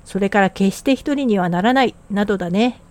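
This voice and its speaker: A woman's voice: mid-range voice, fairly quick. A woman co-hosting a podcast, talking in a blunt, casual, plain way. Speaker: podcast co-host.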